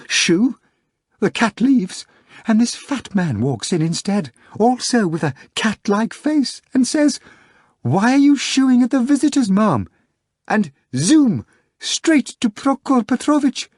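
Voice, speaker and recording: In an audiobook, a man performs a hysterical young female secretary, producing an exaggerated woman's voice with big pitch swings, a darkish, breathy tone and frequent pauses at a slow pace. Agitated and crying, she wails in a shrill, frantic, breathless way, slightly nasal from tears. The recording is dry and studio quality.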